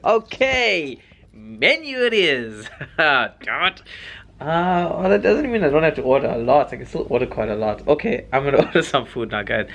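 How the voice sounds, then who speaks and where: A man's voice: mid-range voice, creaky, fairly bright tone. Chatty man. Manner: chatty, informal, addressing viewers as guys. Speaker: vlogger, airline cabin supervisor. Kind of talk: casual vlog chat to camera.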